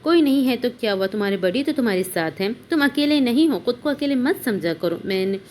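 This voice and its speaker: A woman voicing a middle-aged uncle and father who talks in a reassuring, gently teasing way. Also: a little high, lively intonation, fairly quick, slight background noise, close to an everyday voice.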